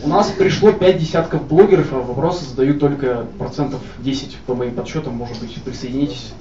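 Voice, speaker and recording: Мужчина ведёт живое обсуждение с публикой, его голос отдаётся эхом, как в пустом складе. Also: male voice, medium pitch, a little fast, warm tone. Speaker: event moderator. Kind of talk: informal live discussion with an audience. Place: echoey indoor hall at a live event. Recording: echoey hall, distant mic, muffled, noisy.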